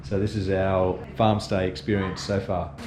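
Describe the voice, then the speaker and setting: A crowd can be heard behind a man with a low voice who speaks at normal speed with little pitch movement. He's a travel vlogger narrating a casual tour, largely outdoors, in a wry, understated, appreciative way, recorded handheld amid ambient noise.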